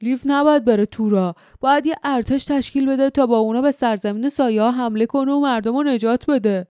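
A woman's voice: a little high, mellow, clean tone, no echo, studio quality, natural voice. A woman voicing a huge, wild male warrior who grumbles and boasts. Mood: gruff.

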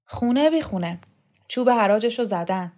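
A woman's voice: fairly high pitch, lively intonation, darkish tone, natural voice. A woman voicing a poor, resigned old man who dreams of his absent son, in a storybook reading.

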